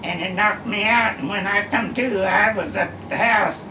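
Seated in an armchair at home, a woman in her nineties slowly recalls family stories, rambling with plenty of pauses and uhs in a medium-pitched voice. The camera sits across the echoey living room, picking up background hum.

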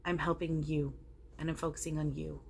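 Woman medium channeling a blunt loving spirit guy, low voice, emphatic and sweary seance talk, some room noise. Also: little pitch movement, brisk, gravelly. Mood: reassuring. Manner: emphatic, profane, reassuring, preachy. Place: home living room. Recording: noticeable background room noise.

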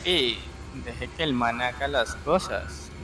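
A man's voice: mid-range voice, takes it slowly, music in the background, rough recording. A man with a Colombian accent chatting and teasing his friends while streaming a game. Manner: laid-back, teasing. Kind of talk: casual gaming stream chat.

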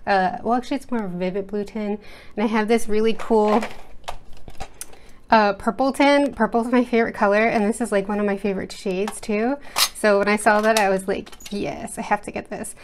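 An American woman with a mid-range voice hosts an art video from her home desk, chatting casually and rambling with plenty of fillers and restarts as she works. Her intonation is fairly even and her pace a little fast. She is off-screen beneath an overhead camera setup, and there is a faint hiss or hum.

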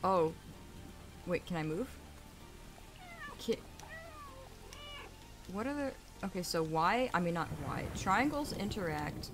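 A chatty woman narrates her gameplay in a bouncy voice that leaps up and down in pitch. She laughs easily and jokes at her own expense. Game music plays clearly behind her. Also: lively intonation, takes it slowly, long pauses. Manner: chatty, giggly, self-mocking asides. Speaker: streamer. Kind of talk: casual gameplay commentary. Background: game soundtrack music.

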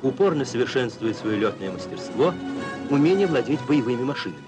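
A man's voice: medium pitch, very animated, fairly quick. A man giving a formal, declamatory voice-over for an old newsreel. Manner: formal, declamatory announcer delivery. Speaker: newsreel narrator. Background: newsreel music under the voice.

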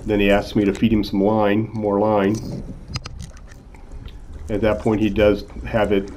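A man's voice: on the low side, monotone, measured pace, darkish tone. A man in his sixties casually narrating his fishing trip, easygoing, with frequent "uh" fillers. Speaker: channel host, accountant. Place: in a car, then voice-over.

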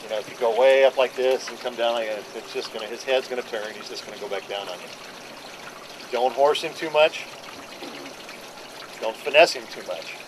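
On the deck of a docked boat, a middle-aged captain briefs his charter group in a plain, practical way, his mid-range voice moving at a normal speed with frequent pauses. The outdoor audio comes from a camera mic a few feet off, and background noise is clearly audible.

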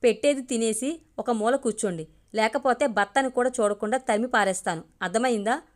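A stern middle-aged wife who scolds in short, sharp sentences, read by a woman. The voice sits a little high. It is a spoken storybook. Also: a little fast, close to an everyday voice. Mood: scolding.

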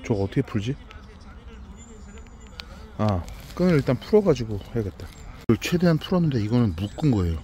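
A man talking gently to two shy country dogs outdoors as he feeds them, with coaxing baby talk and many repeated words. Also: medium pitch, sing-song, fairly quick, pauses often, slight background noise. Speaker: vlogger feeding rural dogs. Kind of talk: casual talk to dogs and camera.

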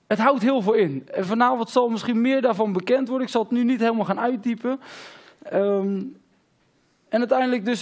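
Male preacher, Dutch accent, fairly high voice, relaxed sermon delivery with stumbles and fillers. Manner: casual, halting, many fillers and repeated words. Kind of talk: informal sermon on a Bible passage.

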